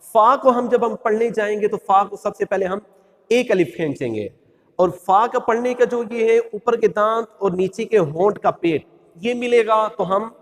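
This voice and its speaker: A man's voice: high-pitched, normal speed, fairly bright tone, long reverb tail. A man teaching how to pronounce the letters of the Quran, patiently drawing out each sound in a sung recitation. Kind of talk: religious lesson on pronunciation.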